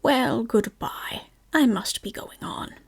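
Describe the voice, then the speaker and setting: A woman's voice: on the high side, expressive, slow pace, husky, exaggerated voice. A woman whispering as Winnie-the-Pooh, a fretful teddy bear. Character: gentle, simple-minded male teddy bear. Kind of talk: whispered role-play.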